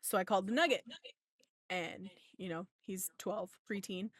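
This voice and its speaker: Animated woman telling a family story. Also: medium pitch, moderate pace, no room sound, clean studio sound. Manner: animated storyteller acting out quoted dialogue, swears freely. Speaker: podcast host. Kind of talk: casual storytelling chat.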